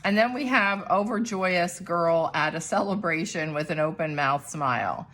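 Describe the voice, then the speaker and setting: Middle-aged woman art teacher, low voice with a lively, swooping delivery, chatty and demonstrative. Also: moderate pace, slight background noise. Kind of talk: instructional art lesson.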